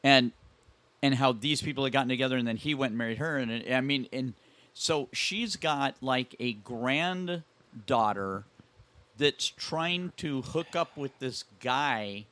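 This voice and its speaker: A man co-hosts a casual podcast, rambling and cracking wry jokes. His voice sits at an ordinary middle pitch. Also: measured pace, fairly bright tone. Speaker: co-host.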